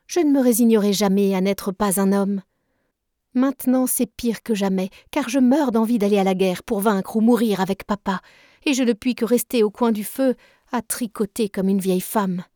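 A woman's voice: on the high side, darkish tone, no echo, clean studio sound, natural voice. A woman voicing a spirited tomboy teenage girl in a storybook reading, protesting vehemently.

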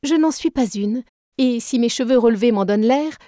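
A fiery, impatient tomboy girl who pushes her protests up high and loud, as a woman reads her in a storybook. The voice stays dark and mellow, close and dry. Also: moderate pace, dry recording, natural voice. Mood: indignant.

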